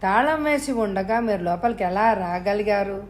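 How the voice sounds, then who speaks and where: A woman's voice: mid-range voice, lively intonation, normal speed, slight background noise, close to an everyday voice. A woman voicing a frightened man who stammers and murmurs anxiously. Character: frightened middle-aged man facing death.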